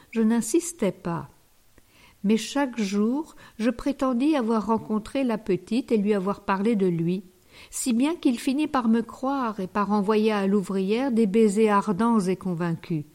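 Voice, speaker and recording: A woman reading a classic short story aloud as an audiobook narrator, calm and measured. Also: fairly high pitch. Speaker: audiobook reader. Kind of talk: scripted narration.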